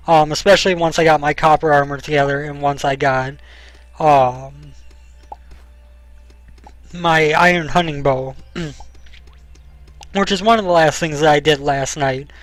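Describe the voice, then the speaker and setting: A man's voice: fairly high pitch, poor audio. A young man giving casual gameplay commentary as a let's play host, explaining at length with frequent ums, and has the hiccups.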